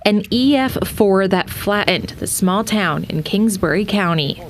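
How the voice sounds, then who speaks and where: A woman's voice: medium pitch, animated, a little slow. Female news reporter, American, mid-range voice, scripted narration over crowd murmur.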